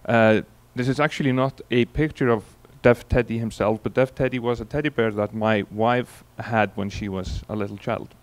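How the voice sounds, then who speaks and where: On stage in a big conference hall, a keynote speaker from Iceland, a man in his forties with an Icelandic accent, holds a handheld mic and tells stories in a relaxed way. His medium-pitched speech moves at a normal speed with hardly any pauses, though it is full of fillers and restarts.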